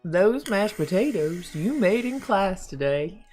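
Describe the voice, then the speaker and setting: A woman doing a gentle old country chef. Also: medium pitch, expressive, soft background music. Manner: slow put-on country drawl.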